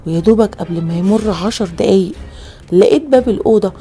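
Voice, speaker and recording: A woman with an Egyptian accent narrating a scripted horror story in a brisk, tense way. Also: medium pitch, noisy background. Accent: Egyptian Arabic. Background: faint music.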